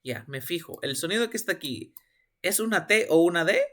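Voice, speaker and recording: A man's voice: sits high, expressive, brisk, fairly bright tone. Patient man teaching English pronunciation. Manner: patient, drills words by repeating them. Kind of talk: online class, calling on students.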